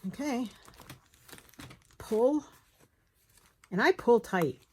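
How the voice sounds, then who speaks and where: A woman's voice: on the high side, animated, extremely slow, a little hiss or hum. A woman giving a casual hands-on tutorial, chatting and talking to herself as she works, with apologetic asides. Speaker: crafter demonstrating bookbinding. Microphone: phone camera close by.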